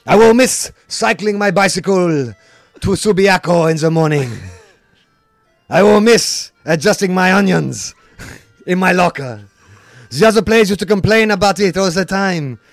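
A man's voice: high voice, expressive, a little slow, dry recording, soft background music. A man playing a drunken, boastful French retired footballer with a put-on French accent, rambling and pompous. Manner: pompous, tipsy, rambling, bursts of shouting. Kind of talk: comedic podcast bit.

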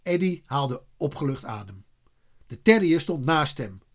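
A man reading a children's story aloud in a lively way, voicing the characters. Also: a little high, measured pace. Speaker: narrator.

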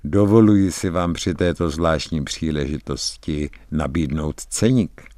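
A man's voice: very deep voice, warm tone, no room sound, studio quality, pitched below the performer's own voice. A man putting on a fawning old wine salesman. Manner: obsequious, overly polite. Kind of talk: dramatic radio story reading.

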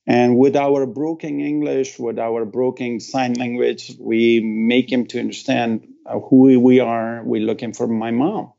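A middle-aged man from Afghanistan recounts a personal story in an interview, speaking haltingly with broken phrasing and emotional pauses. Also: mid-range voice, flat delivery, vocal fry, warm tone, muffled recording. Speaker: guest.

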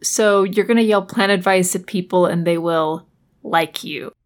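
A woman working as a podcast producer who answers with dry, deadpan retorts. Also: lowish voice, unhurried. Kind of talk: comic scripted podcast.

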